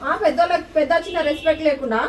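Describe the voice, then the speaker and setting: Fast-talking high-voiced scolding woman. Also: recorded from a distance, slight background noise. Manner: scolding, indignant, rapid. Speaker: mother scolding in a family sketch. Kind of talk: scripted family comedy sketch.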